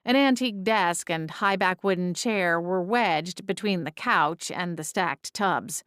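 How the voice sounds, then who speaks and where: A woman's voice: on the low side, a little slow, a bit bright, smooth, no room sound, clean studio sound. A woman reading scripted first-person story narration as an audiobook narrator.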